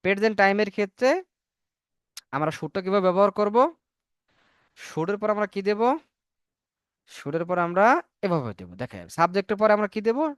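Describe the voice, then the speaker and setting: A man with a high, smooth voice teaches an online English class in Bengali. He keeps asking questions and answering them himself, and spells words out letter by letter. The sound is dry and close, over a computer mic. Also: big pitch swings, normal speed, pauses often, no echo. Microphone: computer mic on a video call.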